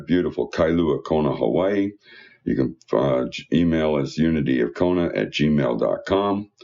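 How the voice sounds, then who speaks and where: Church announcements and a prayer are read aloud from a newsletter by a man whose warm, rumbling low voice has vocal fry. He occasionally trips over words, and the audio is dull and muffled.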